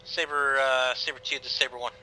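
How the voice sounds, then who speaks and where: Man over loud engine noise, gaming callouts. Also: flat delivery, quick pace. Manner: profane, conversational. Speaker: tank commander in a military simulation game. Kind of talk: casual gaming chat mixed with military radio callouts. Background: loud tank engine rumble.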